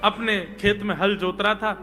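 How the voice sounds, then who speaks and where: A man telling a devotional story in a sermon, animated and dramatic. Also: high-pitched, moderate pace, over music.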